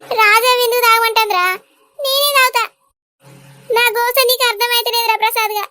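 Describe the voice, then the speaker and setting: In Telugu cartoon dubbing, a woman voices an emotional older village mother, pleading dramatically in a despairing, high-pitched voice. Her delivery is brisk and sharp in tone, with fairly even intonation.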